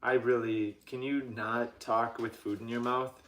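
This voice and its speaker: A man's voice: mid-range voice, little pitch movement, measured pace, fairly bright tone. A middle-aged man hosting a live cooking stream from his home kitchen, rambling and self-deprecating with lots of ums. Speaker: livestream host. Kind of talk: casual live cooking chat.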